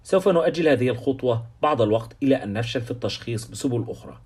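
Audiobook: man playing a dry, teasing veteran doctor, quick, husky. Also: medium pitch, expressive, darkish tone. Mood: wry, lecturing. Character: seasoned male doctor, wry and teasing.

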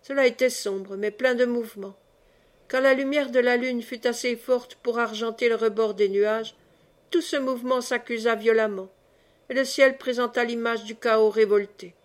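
A woman reading a classic novel aloud in measured, expressive narration. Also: on the high side. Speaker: audiobook reader. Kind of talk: scripted narration.

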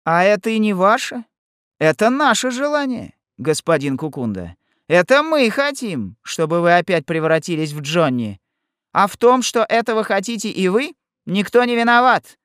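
A serious young boy in a storybook who talks in a firm, formal way, a little higher than a grown man, as a male narrator puts him on. His voice moves lively, and it sounds dry and close. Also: moderate pace, smooth, dry recording. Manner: firm, official.

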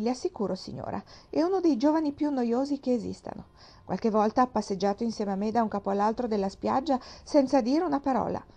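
A woman reading the part of a petulant, sarcastic young wife in a mellow voice, rising to a shrill insistence. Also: muffled recording.

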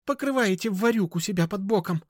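Guy putting on a high-voiced young woman, frantic and teary, audiobook. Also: normal speed, no room sound, clean studio sound. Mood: furious. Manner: shouting, near tears. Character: distraught furious young woman.

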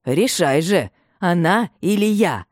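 Мужчина-чтец озвучивает гордую непреклонную пожилую мать, говорящую холодно и повелительно. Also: male voice, sits high, animated, slow pace, no room sound, studio quality, voice pushed up. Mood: stern. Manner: cold, imperious. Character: proud stern elderly mother, unbending.

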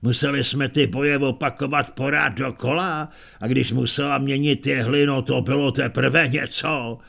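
A man's voice: medium pitch, steady tone, vocal fry, a bit bright. A man reading as a coarse old barbarian veteran. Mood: reminiscing.

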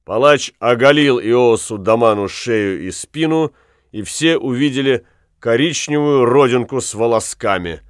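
A man narrating an audiobook with an expressive reading style. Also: mid-range voice, unhurried, clean tone, no echo, clean studio sound. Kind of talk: scripted narration.

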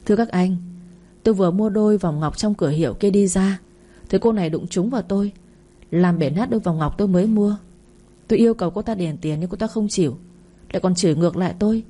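A woman voicing a loud, bullying swindler woman in a storybook reading, shouting accusations and wailing for bystanders. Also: medium pitch, fast, lightly acted. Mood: pleading.

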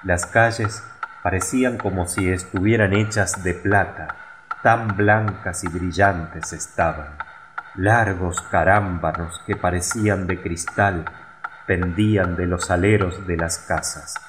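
A man reading a fairy tale aloud in a slow, measured storytelling voice. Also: deep voice, fairly even intonation. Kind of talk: scripted storybook narration. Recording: noisy recording with clicks.

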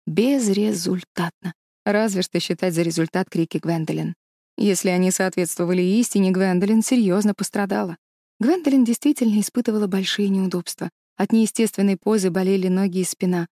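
A woman narrates a storybook in a calm, measured way. Her voice is mellow and warm, and the recording is dry and close. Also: mid-range voice, no echo. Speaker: audiobook narrator.

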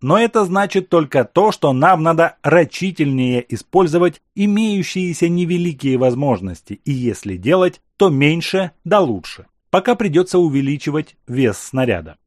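A man voicing a calm, authoritative emperor who questions his officers and lays out plans in a measured, explaining manner. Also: fairly high pitch, no echo, clean studio sound. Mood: instructive.

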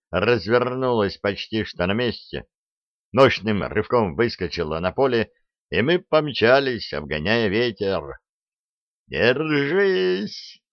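A man narrating a first-person war story as an audiobook, lively in delivery. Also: fairly low pitch, no room sound, muffled recording.

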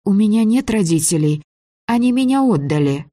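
An audiobook reader voicing a frightened runaway girl who pleads in a high, tearful voice. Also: expressive, moderate pace, dark tone, close to an everyday voice. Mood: pleading.

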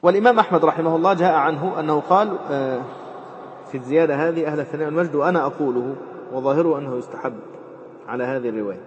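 A man's voice: a little high, slight background noise. A man teaching Islamic jurisprudence, reading from a text and explaining it, repeating phrases with many fillers. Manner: rapid, repeats and quotes phrases, frequent fillers. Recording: dull lecture recording with long reverb.

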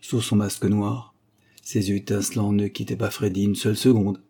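Low husky guy reading a detective novel out loud, measured and dramatic. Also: little pitch movement. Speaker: audiobook narrator. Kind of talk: scripted narration of a detective novel.

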